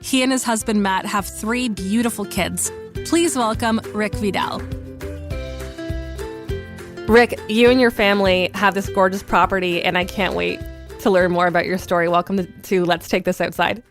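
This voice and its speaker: A woman hosting a podcast interview, bubbly and quick to laugh. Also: medium pitch, steady tone, faint music behind. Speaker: podcast host.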